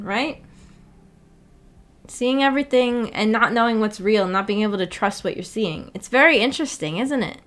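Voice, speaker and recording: A fairly bright, somewhat high female voice belongs to a livestream host casually discussing a visual novel. She comes across as thoughtful and hesitant, often breaking into giggles.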